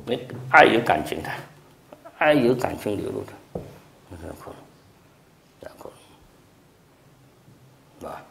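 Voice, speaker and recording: Man preaching a sermon, lively swooping pitch, gravelly voice, loud peaks and hushed drops, echoey church hall. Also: unhurried, long pauses. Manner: animated preaching, rising loud then dropping to soft near-whispers. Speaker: pastor. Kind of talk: revival sermon.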